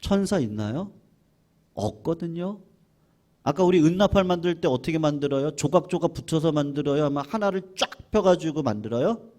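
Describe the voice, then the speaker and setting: A male pastor preaches an emphatic sermon in a high, bright voice. He keeps questioning the congregation and acts out sounds as he goes. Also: fast talker. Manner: animated, mimics trumpet sounds.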